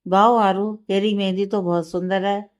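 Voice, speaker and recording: A woman's voice: mid-range voice, fairly even intonation, moderate pace, lightly acted. A woman voicing a cheerful caring sister-in-law. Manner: warm, encouraging.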